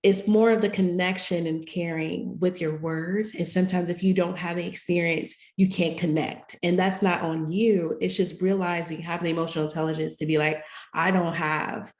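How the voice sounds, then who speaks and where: A woman's voice: on the low side, fairly even intonation, normal speed, hardly any pauses, a little mellow, roomy sound. A woman co-hosting an advice podcast who talks in a rambling way, with restarts and slips. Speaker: podcast co-host. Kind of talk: casual advice podcast chat.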